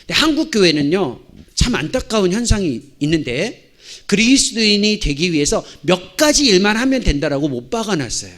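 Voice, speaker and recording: Middle-aged pastor guy teaching church teachers, kinda high voice, super animated, acts out the yelling bits. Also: normal speed. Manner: animated storytelling, acting out shouts and dialogue. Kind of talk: lecture-style sermon. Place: church hall. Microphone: handheld mic.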